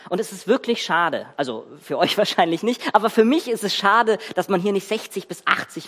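A preacher giving a sermon, retelling a Bible story with emphatic, animated storytelling and pauses for effect. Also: mid-range voice. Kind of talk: sermon with dramatic Bible reading. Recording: reverberant church hall.

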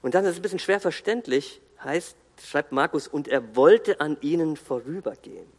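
A man giving an earnest, emphatic sermon, pausing and restarting as he speaks. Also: a little high, lively intonation, in a large hall. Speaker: guest preacher.

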